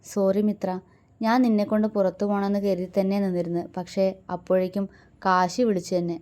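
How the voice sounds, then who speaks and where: A woman voicing a young husband who is quick-tempered but loving, with a gruff, scolding and teasing manner. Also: medium pitch, little pitch movement, warm tone, close to an everyday voice. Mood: apologetic.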